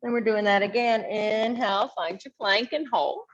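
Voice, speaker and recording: A woman leading a yoga class, calmly and encouragingly cueing each pose and stretch. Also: medium pitch, normal speed, lo-fi sound. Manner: calm, encouraging cueing of poses. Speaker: yoga instructor. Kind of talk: guided yoga class instruction.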